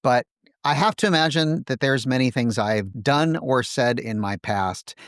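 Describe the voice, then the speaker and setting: A man's voice: medium pitch, measured pace, no echo. A male host talks through his thoughts with plenty of stops, restarts and fillers. His voice sits in a middle register, and the recording is dry and close. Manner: hesitant, many fillers and restarts while thinking aloud. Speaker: podcast host. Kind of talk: casual conversation.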